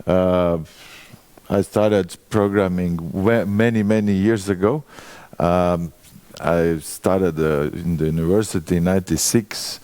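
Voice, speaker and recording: A man in his forties with a Croatian accent gives a conference presentation. His voice is deep and mellow, recorded close and dry. He talks through his material and puts quick questions to the listeners. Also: steady tone, clear, resonant tone, no room sound. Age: 40s. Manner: engages the audience with quick questions. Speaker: conference speaker.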